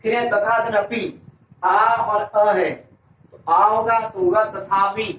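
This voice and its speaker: Heard from a distance in an echoey room with faint hiss, a male teacher leads a classroom-style grammar lesson. He poses questions, answers them himself and repeats every answer. His high-pitched, fairly bright voice stays steady and unhurried.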